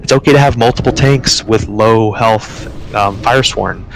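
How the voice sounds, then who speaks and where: Gravelly man leading a game raid. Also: lowish voice, slight background noise, rough recording. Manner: explains calmly, then barks quick commands. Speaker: raid leader. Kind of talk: live game commentary.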